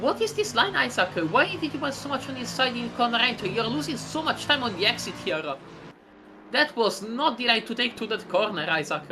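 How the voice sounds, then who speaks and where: A woman giving live sim racing commentary, chatty and rambling, breaking into excited exclamations. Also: on the high side, brisk, music in the background, rough recording.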